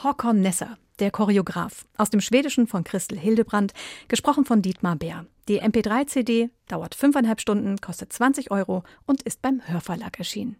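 A woman's voice: medium pitch, lively intonation, brisk, a little mellow, dry recording, studio quality. A woman hosting a radio book review show, presenting titles and asking a critic questions. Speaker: radio host.

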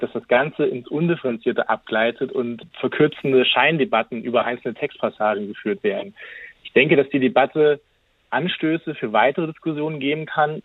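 A man interviewed on the radio as a researcher, answering in a measured way with frequent hesitations. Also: mid-range voice, breathy edge, no echo. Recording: telephone line.

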